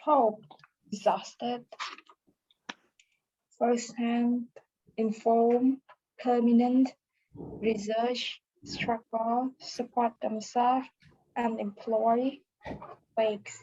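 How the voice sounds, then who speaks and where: A woman's voice: fairly high pitch, flat delivery, mellow, breathy edge, muffled recording. A woman student, reading vocabulary words carefully one by one. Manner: careful, slow word-by-word reading.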